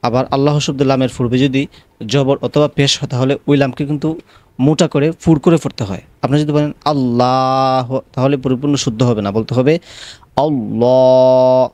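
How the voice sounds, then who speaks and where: A man teaching how to pronounce the call to prayer, spelling it out letter by letter and then chanting it in long, drawn-out melodic phrases. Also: mid-range voice, steady tone, a little mellow, no room sound. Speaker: azan pronunciation teacher. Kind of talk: recitation lesson.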